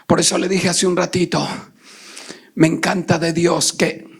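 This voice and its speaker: A man from Colombia preaching a Pentecostal sermon, moving between shouted preaching and quick, hushed storytelling and calling out to the congregation. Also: fairly high pitch, little pitch movement, gravelly, husky. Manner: calls out to the congregation. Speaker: pastor. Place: church sanctuary.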